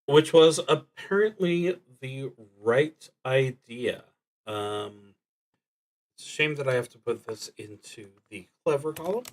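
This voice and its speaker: A man streams a solo tabletop roleplaying game, thinking aloud unscripted in a hesitant, musing, halting way. He has a mid-range voice with lively intonation.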